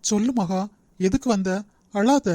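A woman's voice: mid-range voice, measured pace, mellow, dry recording, clean studio sound, natural voice. A woman voicing a stern, protective young man in a cartoon, speaking firmly with a Nagercoil Tamil accent. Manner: firm, commanding. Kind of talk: cartoon voice acting.

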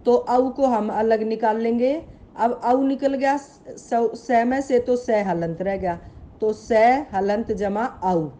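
Woman teacher going through a grammar lesson real slow, bit high voice, keeps asking the kids stuff. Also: dark tone, a little hiss or hum. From Haryana, India. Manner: patient, slowly spells out sounds; asks pupils questions, calls them beta. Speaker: Sanskrit teacher.

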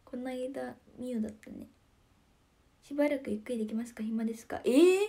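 A young woman with a Kansai accent, hosting a casual livestream. She chats about viewer comments in a giggly, soft-spoken way and often drops to a near whisper. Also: a little high, steady tone, a little fast, creaky. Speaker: idol livestream host.

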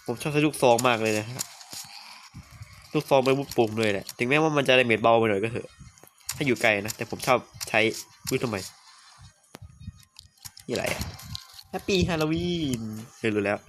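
A man giving gameplay commentary at home at night, keeping his voice hushed and low. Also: normal speed, pauses often, noisy background. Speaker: game streamer.

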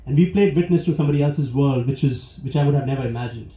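A man from India telling a personal story live on stage, earnest and reflective, with pauses and restarts. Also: mid-range voice, warm tone. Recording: roomy, dull live venue recording.

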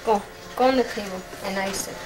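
A woman's voice: mid-range voice, a little fast. A woman in a home kitchen giving bossy instructions, captured by a camcorder on an old VHS home video. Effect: old VHS tape home video. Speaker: home cook directing the cake icing. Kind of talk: casual home-movie chatter. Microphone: camcorder mic. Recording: hissy old VHS tape, echoey kitchen, from far off.

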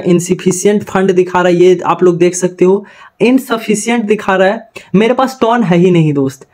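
A man's voice: high-pitched, a little mellow. A man, talking casually and informally as he walks viewers through an app on screen. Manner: chatty, informal, repeats "bhai" and "dost". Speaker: crypto YouTuber. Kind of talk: casual screen-recording walkthrough.

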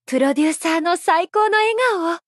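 A woman voices a gentle, elegant, playfully affectionate idol singer in a mobile game, speaking softly and in a measured, heartfelt way. Her extremely high-pitched voice sounds moved and grateful, captured in a dry, studio-quality recording.

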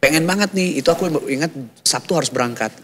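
A guest in his thirties tells a personal story of faith in casual conversation, speaking fast in a slightly high voice over a little hiss or hum. He's a lively storyteller who acts out the voices and dialogue of the people involved.

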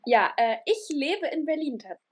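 A young woman interviewed as a band member over a video call, talking in a lively, self-aware way. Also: high voice, moderate pace. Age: young adult. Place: room at home.

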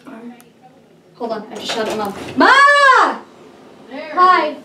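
A woman's voice: high voice, huge pitch swings, measured pace. A young woman cosplayer chatting playfully while filming behind the scenes in a small home bathroom, recorded on a camcorder. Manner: playful, joking. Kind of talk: casual chat. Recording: echoey bathroom, faint noise.

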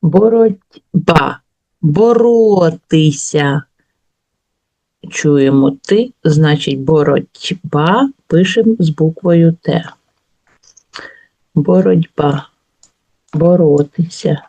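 Slow, mellow-voiced woman teacher. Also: low-pitched, breathy edge, no room sound. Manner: slow, careful dictation of example words. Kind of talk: workbook lesson for schoolchildren. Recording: dull, lo-fi recording.

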